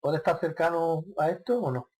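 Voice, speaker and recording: A man's voice: a little high, moderate pace, a little mellow, slight background noise. A man hosting a radio talk show, asking questions about a film in a hesitant, thoughtful way with many fillers. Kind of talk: casual radio interview.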